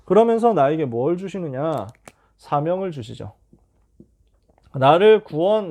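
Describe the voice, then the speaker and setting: A man teaching a Bible lesson to church high school students, telling the story with lively rhetorical questions.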